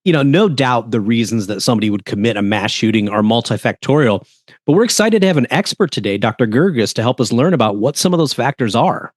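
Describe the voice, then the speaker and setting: A man co-hosting a podcast while getting over the flu, speaking around a throat lozenge. His voice sits mid-pitch and is recorded dry and close, in a relaxed, conversational manner. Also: fast talker, no room sound. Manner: conversational, introduces guest. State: recovering from flu, lozenge in mouth. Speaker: podcast co-host. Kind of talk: podcast interview.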